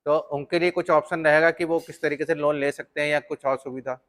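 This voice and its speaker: A man's voice: fairly high pitch, fairly even intonation, a little fast, a bit bright. A man interviewing a guest, asking polite, deferential questions and calling him sir. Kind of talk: interview questions with short acknowledgements.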